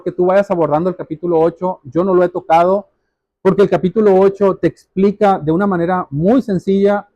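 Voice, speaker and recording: A male pastor preaches to his congregation in a high, mellow voice, urging them earnestly and directly and returning to key phrases for emphasis. The recording is dry, with no room sound at all.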